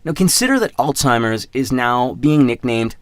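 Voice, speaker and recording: A man's voice: mid-range voice, expressive, normal speed, smooth, no room sound. Rambling self-mocking man in his thirties. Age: 30s. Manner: rambling, self-deprecating, repeats words. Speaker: podcast host. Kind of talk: casual podcast monologue.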